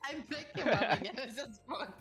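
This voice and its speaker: A woman's voice: on the high side, expressive, brisk, loud music behind the voice. A woman playing a tabletop game over voice chat, giggly and playful. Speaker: player.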